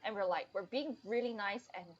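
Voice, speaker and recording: A woman streamer offers casual live commentary on her game, chatting as she reacts out loud to the gameplay and her chat. Her mid-range voice moves fairly quickly, and the lo-fi recording carries slight background noise with game music playing behind her.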